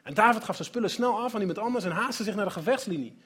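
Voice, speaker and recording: Male preacher, high voice, dramatic sermon storytelling with sudden loud and soft turns. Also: animated, quick pace, slightly rough.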